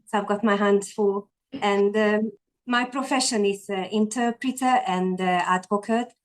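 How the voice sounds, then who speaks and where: Earnest and unhurried, this guest on a video call is a Hungarian woman in her forties who works as an online entrepreneur. Her mid-range voice keeps fairly even intonation as she shares her story in a casual interview, with a Hungarian accent and frequent fillers and restarts.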